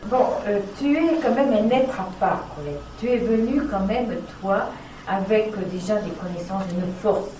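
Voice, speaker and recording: A woman's voice: medium pitch, lively intonation, normal speed, dark tone, slight background noise. Distant woman in an echoey hall. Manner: hesitant, searching for words. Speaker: audience member asking a question. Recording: echoey room, speaker far from mic.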